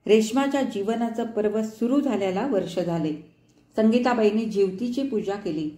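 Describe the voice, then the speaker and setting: A woman storyteller reading a short story aloud in a clear, measured narration. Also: medium pitch, dark tone, roomy sound. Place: studio.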